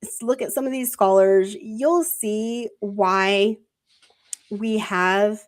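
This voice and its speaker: A woman co-host with a mid-range voice speaks slowly on a livestream, sick and losing her voice. She rambles casually about religious ideas, using lots of fillers.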